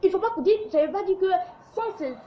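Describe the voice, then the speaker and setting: High-pitched woman from africa ranting on a live show, preachy, lots of restarts, kinda muffled audio. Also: expressive, fast, a little hiss or hum. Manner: emphatic and preachy, with frequent stumbles and restarts. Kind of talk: opinionated live commentary.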